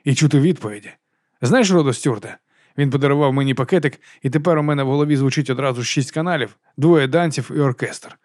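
A man voicing a drugged male detective who rambles giddily and shouts at times, as an audiobook character. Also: mid-range voice, fast, no echo, clean studio sound, natural voice. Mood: giddy.

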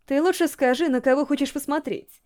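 A woman's voice: sits high, a little fast, a little mellow, lightly acted. A woman reading aloud, voicing a blunt, self-assured teenage schoolgirl with curt replies. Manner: curt and matter-of-fact.

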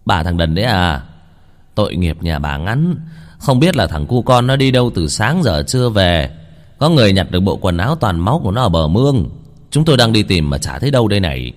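A man's voice: sits low, big pitch swings, brisk, in a large hall. A man voicing a tall, earnest village man explaining plainly. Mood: troubled.

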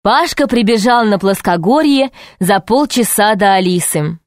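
A woman reading a children's adventure book aloud in measured, clear narration. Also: medium pitch, animated, dry recording. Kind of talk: scripted audiobook narration.

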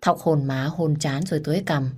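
Low-voiced woman narrating a drama story. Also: fairly even intonation, fairly quick, darkish tone. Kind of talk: first-person story narration.

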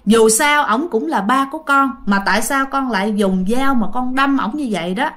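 Bà mẹ lo âu, giọng hơi cao, miền Nam, người kể nữ giả giọng. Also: female voice, fairly high pitch, moderate pace, fairly bright tone, lightly acted. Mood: distressed. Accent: Southern Vietnamese. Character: worried mother, torn and anxious.

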